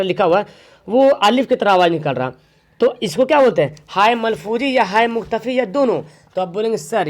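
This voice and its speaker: A man teaching an exam grammar lesson, quizzing listeners with questions, repeating words and drawing some out slowly to show how they are said. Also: sits high.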